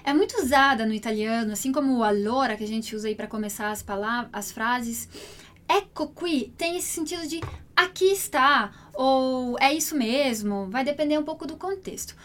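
High-voiced Brazilian woman teaching Italian. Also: fairly bright tone. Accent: Brazilian Portuguese. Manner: slows down to spell out foreign phrases word by word. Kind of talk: explaining a lesson.

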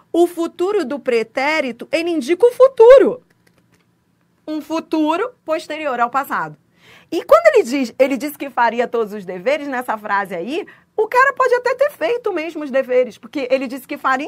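A middle-aged woman with a Brazilian accent, teaching an exam-prep grammar lesson and acting out little dialogues as examples. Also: sits high. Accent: Brazilian Portuguese. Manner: lively, acts out dialogues, laughs at her own examples.

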